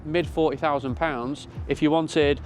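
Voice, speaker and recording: A man's voice: fairly high pitch, fairly even intonation, measured pace, darkish tone. British man vlogging casually over car noise. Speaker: car dealer and video host. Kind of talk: casual unscripted vlog commentary. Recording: clear background noise from cars and outdoors.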